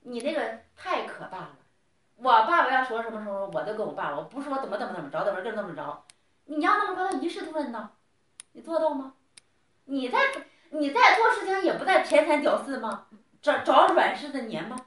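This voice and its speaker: A woman's voice: sits high, sing-song, a little fast, fairly bright tone, reverberant. A middle-aged woman scolding someone in a heated family argument, lecturing and firing off repeated questions.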